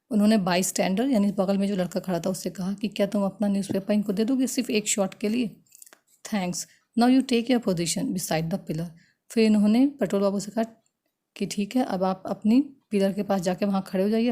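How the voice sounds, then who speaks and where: A woman teacher who reads English lines from a story slowly, then explains them in Hindi, acting out its exclamations. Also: mid-range voice, warm tone. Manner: acts out exclamations with feeling.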